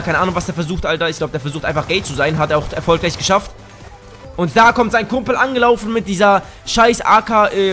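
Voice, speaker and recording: A young man rambling through live gameplay commentary, joking, having just woken up and bursting into loud shouts. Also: fairly high pitch. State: just woke up. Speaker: gaming YouTuber. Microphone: headset.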